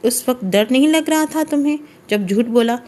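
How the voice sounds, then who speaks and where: A woman's voice: on the high side, lightly acted. A woman reading the part of a stern, jealous young husband in an audiobook, commanding and harsh. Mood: angry. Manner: commanding and harsh, then softening.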